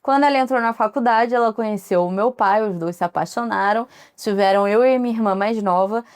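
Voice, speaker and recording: A woman's voice: medium pitch, a little fast, clear, resonant tone. A Brazilian woman in her thirties hosting a casual solo podcast, chatty and digressive with frequent asides. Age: 30s. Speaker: podcast host.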